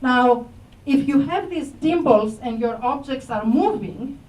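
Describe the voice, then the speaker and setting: A middle-aged woman with a Greek accent, an astronomy professor, gives a friendly public science talk, putting questions to the audience and using many fillers. Her high-pitched, darkish voice is a little slow, and it comes from a distant mic in an echoey room.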